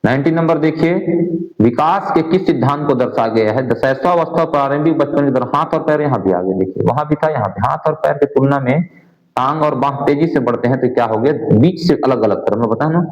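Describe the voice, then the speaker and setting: A man's voice: medium pitch, a little fast, a little mellow. A male coaching teacher working through exam answers in Hindi, mixing in English terms and asking his class questions that he answers himself. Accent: Hindi, sprinkled with English exam terms. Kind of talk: answer-key lesson walkthrough. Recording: dull, roomy lo-fi sound.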